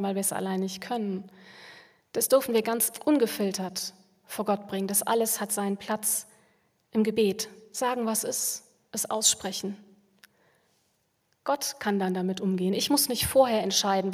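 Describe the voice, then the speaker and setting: A woman speaking as a pastor in a calm, reflective way, repeating phrases for emphasis. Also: medium pitch, breathy edge. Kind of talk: spiritual reflection on prayer. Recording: long hall reverb.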